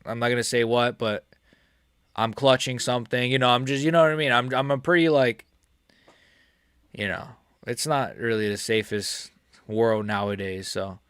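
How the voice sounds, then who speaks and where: In a smooth, slightly bright mid-range voice with fairly even intonation, an American MMA YouTuber in his early twenties chats at a moderate pace on a live stream. He reads chat questions casually, rambling with many fillers and laughs, and the recording is dry and studio quality.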